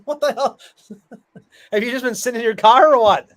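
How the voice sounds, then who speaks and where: A man's voice: very high voice, normal speed. A man hosting a casual sports podcast, teasing his co-host and steering the talk to the next topic.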